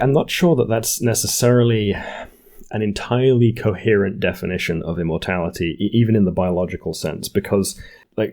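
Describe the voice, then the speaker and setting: A young man with a deep, mellow voice thinks aloud on a science podcast. He hedges and restarts often. His tone stays low and relaxed throughout. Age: 20s. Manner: thoughtful, hedging, many restarts and "like"s. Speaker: podcast co-host. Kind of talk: casual science discussion.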